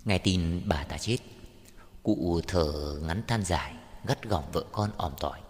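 Male narrator, deep voice, steady storytelling, reverberant room with soft music. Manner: measured, unhurried storytelling. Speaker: audiobook narrator. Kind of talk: scripted short-story narration.

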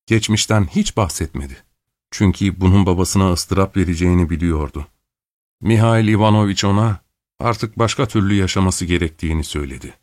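A man reading a classic novel aloud, calm and measured. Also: no room sound. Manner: calm, measured reading; raises pitch for female characters' quoted lines. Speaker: audiobook narrator. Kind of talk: scripted literary narration.

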